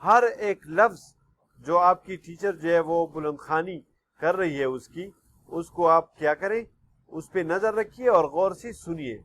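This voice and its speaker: A man's voice: fairly high pitch, a bit bright. A man teaching a recorded online class to young pupils, patiently repeating words and often checking if they follow. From Pakistan. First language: Pashto. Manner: patient, repeats words slowly, keeps asking "okay?". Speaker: school teacher.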